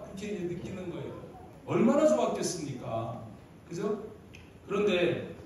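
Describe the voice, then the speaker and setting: A male pastor preaches with lots of storytelling and frequently calls on the congregation for a reply. His voice sits high and swings widely in pitch. He is heard from some way off in a very echoey sanctuary with a faint hiss. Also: a little mellow. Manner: storytelling, often asking the congregation for replies. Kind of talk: sermon. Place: church sanctuary. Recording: echoey hall from far off.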